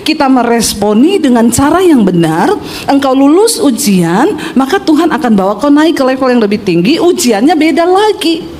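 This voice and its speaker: A middle-aged woman pastor preaching a sermon. She swings between loud exhortation and hushed asides and puts questions to the congregation. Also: sits high, slight background noise. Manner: addresses the congregation directly with call-and-response questions. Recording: faint music behind.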